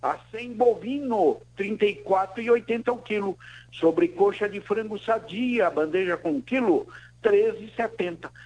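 High-voiced Brazilian radio offers presenter. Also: male voice, a little mellow, rough recording. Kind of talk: live promotional price read-out.

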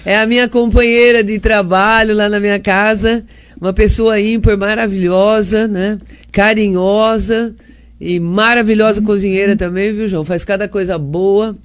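An older woman with a Brazilian accent, a councilwoman guest on a radio interview, hoarse from a cold and chatting warmly with frequent tag questions. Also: mid-range voice, fairly even intonation, normal speed.

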